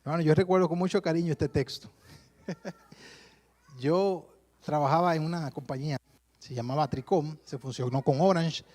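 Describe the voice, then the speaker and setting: A man preaching in a Dominican accent, his voice sitting a little high for a man. He tells stories lively and keeps turning to the congregation as brother, in a church service. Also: moderate pace, long pauses. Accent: Dominican Spanish. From Dominican Republic. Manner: lively storytelling, keeps addressing listeners as brother. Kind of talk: sermon.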